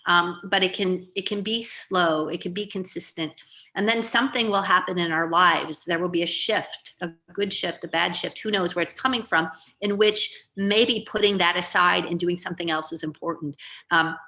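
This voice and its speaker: Middle-aged woman, bright voice, rambling, lots of ums, video call. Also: fairly low pitch, normal speed. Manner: rambling, hesitant, many fillers. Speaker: guest artist. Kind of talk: online artist talk Q&A.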